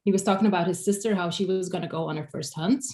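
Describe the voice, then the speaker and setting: Female filmmaker, lowish voice, casual storytelling, roomy sound. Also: rapid-fire, darkish tone. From Europe. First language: Dutch. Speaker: documentary filmmaker. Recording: echoey room.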